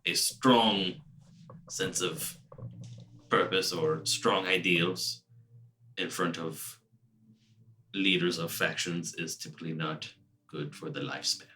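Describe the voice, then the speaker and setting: Deep-voiced man playing an evasive character. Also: fairly even intonation, slow, long pauses, pushed and bright, rough recording. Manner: evasive, rambling, hedging. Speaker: player.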